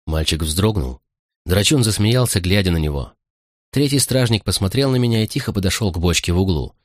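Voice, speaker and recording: A man reading a first-person audiobook narration in a measured, even storytelling manner. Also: deep voice, no echo, clean studio sound.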